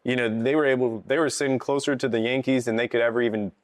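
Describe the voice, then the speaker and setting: A man's voice: mid-range voice, steady tone, fast talker, no room sound. A man hosting a podcast, chatting casually and in a friendly way with his guest. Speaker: podcast host.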